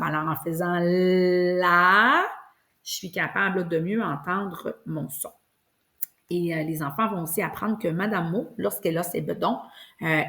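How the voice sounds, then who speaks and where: Patient preschool teacher, low-pitched. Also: female voice, a bit bright. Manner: patient, explanatory, stretches out sounds in words for demonstration. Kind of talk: instructional video for parents.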